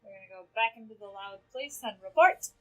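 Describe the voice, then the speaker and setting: A woman's voice: mid-range voice, brisk, soft background music, low-quality recording. A woman gaming YouTuber chatting casually as she plays, thinking aloud about quests. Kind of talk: casual game commentary.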